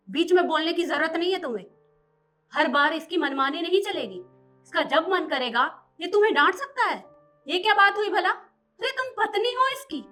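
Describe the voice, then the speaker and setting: A sharp, very high-voiced mother scolds and lectures her grown son in a family drama, played by a woman. Her tone is bright and piercing, and she is fiercely protective of her daughter-in-law. Faint music plays behind her. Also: exaggerated voice. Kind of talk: short family drama acting.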